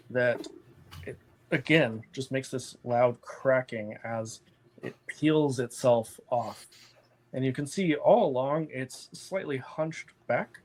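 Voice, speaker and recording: Man, game master, slow pace, mid pitch, descriptive tabletop narration.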